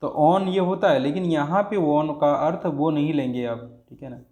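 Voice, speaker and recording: A man's voice: a little high, steady tone, normal speed, warm tone. A male teacher giving a grammar lesson, explaining step by step and often checking with his students.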